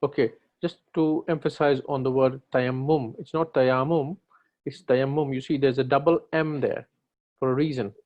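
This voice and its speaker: A man's voice: mid-range voice, fairly even intonation, normal speed. A man teaching a religious class online, patiently answering students and correcting their pronunciation. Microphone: video call. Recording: lo-fi online call audio.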